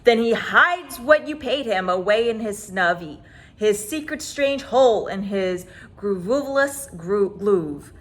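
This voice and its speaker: A woman reads a children's story aloud slowly in a mid-range voice. Her delivery is expressive and dramatic, drawing out words for emphasis.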